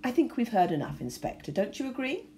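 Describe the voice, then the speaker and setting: A woman voicing a smooth, composed gentleman. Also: fairly high pitch, very animated, fast, slight background noise, voice pushed up.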